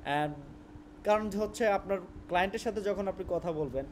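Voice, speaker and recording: A man's voice: high voice, moderate pace, slight background noise. A young Bangladeshi man with a Bangladeshi Bengali accent, teaching a casual spoken lesson and mixing English words into his Bengali, often restarting his words.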